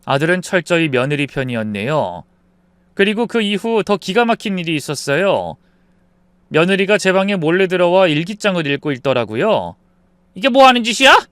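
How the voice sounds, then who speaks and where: A man's voice: fairly high pitch, big pitch swings, normal speed, clean tone, no room sound. A man narrating a first-person family story in an aggrieved, confiding tone.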